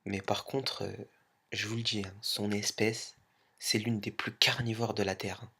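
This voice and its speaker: A man's voice: fairly low pitch, level tone, unhurried, sharp tone, husky. A man narrating a countdown video casually, with chatty fillers and frequent drops into a near-whisper. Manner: chatty, full of 'hein' and 'donc' fillers, often sinks into a whisper. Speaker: YouTube countdown host.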